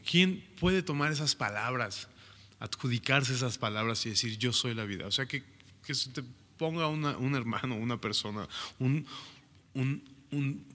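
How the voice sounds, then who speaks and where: A man's voice: mid-range voice, sharp tone. A man teaching from the Bible in a conversational sermon, reading verses aloud and then commenting with frequent rhetorical questions. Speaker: preacher. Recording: long reverberant room.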